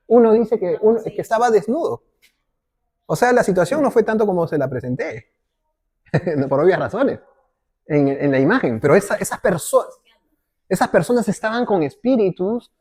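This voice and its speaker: A man's voice: sits high, darkish tone, husky. A male pastor preaching a sermon in a conversational way, often checking in with the congregation and briefly acting out little quotes.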